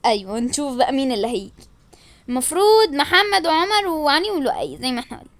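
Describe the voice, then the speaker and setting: A woman's voice: high voice, big pitch swings, rapid-fire, no echo. A woman with an Egyptian Arabic accent, chatting casually to her viewers while setting up a prank. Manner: chatty, addresses viewers as a group. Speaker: prank vlogger.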